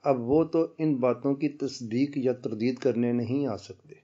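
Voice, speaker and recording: A man with a dark, mellow voice reads a scripted documentary narration as host of his own channel. His diction is formal and literary, his delivery measured and reflective. The recording sounds dull and slightly lo-fi. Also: mid-range voice.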